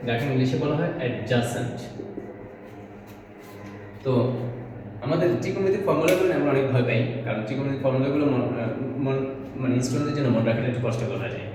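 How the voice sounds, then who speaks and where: A man's voice: medium pitch, rapid-fire, recorded from a distance, background noise. Echoey math teacher man explaining. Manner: explains step by step, mixing English terms, with small restarts. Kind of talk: classroom math lecture.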